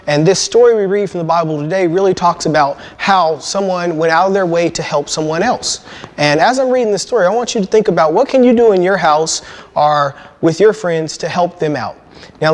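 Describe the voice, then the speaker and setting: American guy in his 30s doing a kids bible lesson, kinda high voice, friendly, explains stuff real simple. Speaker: children's Bible lesson teacher. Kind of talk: children's lesson with storybook reading. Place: indoors before a painted backdrop.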